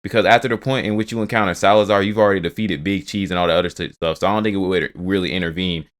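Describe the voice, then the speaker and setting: A man's voice: low-pitched, steady tone, racing. A man casually rambling through reaction commentary, swearing often and restarting his sentences. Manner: rambling, profane, restarts a lot. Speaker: video host reacting to game news.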